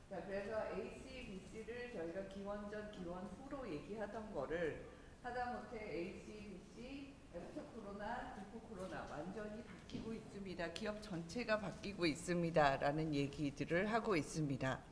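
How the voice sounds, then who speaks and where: Woman doing a formal conference presentation, medium pitch, long room reverb. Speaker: presenter, education consulting company head. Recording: roomy hall with long reverb, faint noise.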